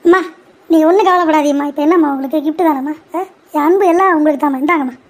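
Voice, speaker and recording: A performer voicing a soft-spoken young son and husband in a comedy skit, who calms his mother down. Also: high-pitched, very fast, close to an everyday voice. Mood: placating. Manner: soft, placating. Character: doting young husband and son, mild-mannered.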